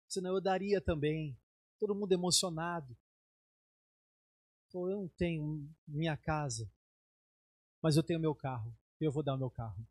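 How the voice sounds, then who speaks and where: A middle-aged bishop from Brazil gives a sermon testimony in Brazilian Portuguese, telling his personal story animatedly and raising his pitch to act out the dialogue. His voice has a breathy edge. The audio is studio quality, with no echo.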